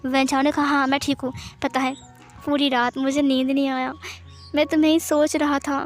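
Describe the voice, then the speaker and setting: High-voiced woman reading fan fiction. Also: flat delivery, moderate pace, soft background music. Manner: voices each character with small pitch shifts. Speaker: storyteller.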